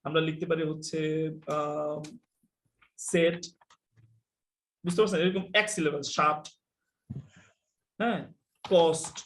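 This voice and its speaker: A man teaching a live online English class, explaining quickly and telling students to mute their mics. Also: a little high, slight background noise. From Bangladesh.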